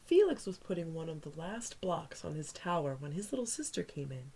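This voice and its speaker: A woman reading a picture book aloud as a teacher to young children, pausing for asides to her listeners. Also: low-pitched, sing-song, a little mellow, breathy edge.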